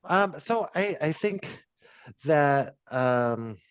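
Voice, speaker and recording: A man's voice: fairly high pitch, expressive, very slow, clean tone, no echo, highs cut off. A man panelist on a webinar, answering in a rambling way with many fillers, over a video call.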